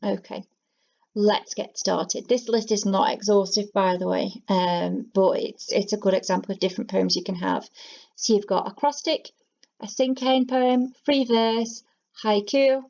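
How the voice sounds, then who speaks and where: Gravelly woman explaining a lesson. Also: medium pitch, darkish tone. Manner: friendly, explanatory, with many fillers. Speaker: teaching assistant. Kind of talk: online teaching lesson. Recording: dull lo-fi home recording.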